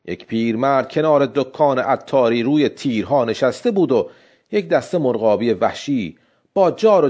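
A man reading a literary story aloud in steady narration. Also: mid-range voice.

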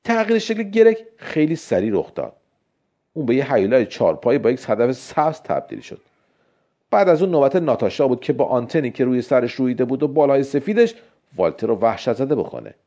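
A man reads a spooky tale aloud and jumps his voice up whenever a character speaks. His tone is mellow and his pitch moves a lot. The recording sounds dull and lo-fi. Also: sing-song. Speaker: storyteller. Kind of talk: scripted narration of a scary children's story.

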